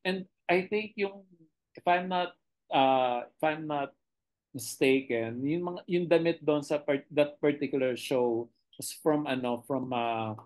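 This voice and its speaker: A middle-aged television director with a Filipino accent talks through behind-the-scenes memories in a relaxed interview. The delivery is animated and expressive, voice rising and falling with each story. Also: mid-range voice, takes it slowly.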